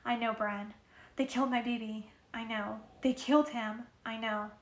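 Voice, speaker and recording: A woman's voice: a little high, steady tone, moderate pace, close to an everyday voice. A woman reading aloud and voicing a caring, firm working mother at a clinic, affectionate but scolding. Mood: soothing. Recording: roomy echo.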